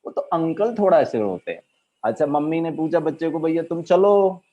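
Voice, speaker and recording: A man's voice: a little high, animated, normal speed, dull audio. A middle-aged man talking to children over a video call, playful, mixing Hindi and English and acting out small voices as he tells a story. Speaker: children's camp speaker.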